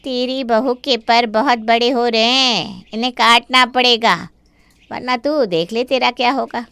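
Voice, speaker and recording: A woman doing a meddling, bright-voiced auntie. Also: on the high side, steady tone, unhurried, smooth, dry recording, pitched above the performer's own voice. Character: meddling older neighbor aunt, stirring trouble.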